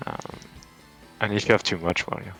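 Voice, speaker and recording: A man's voice: low voice, normal speed, gravelly, fairly bright tone, faint music behind. A man with a French accent, answering interview questions in a casual, thoughtful way with frequent restarts and fillers. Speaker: tournament champion guest.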